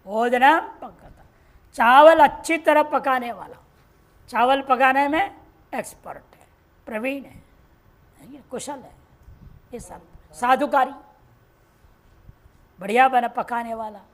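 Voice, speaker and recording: A woman teaching Sanskrit grammar in a classroom lecture, reciting word forms slowly and explaining each step patiently. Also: high voice. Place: ashram classroom.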